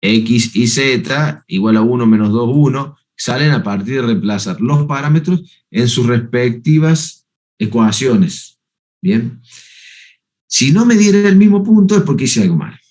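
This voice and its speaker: A man lectures on geometry in a calm, methodical way. His pitch sits at an ordinary middle height for a man. He often pauses to check in with his students. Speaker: math lecturer. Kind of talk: university lecture on analytic geometry.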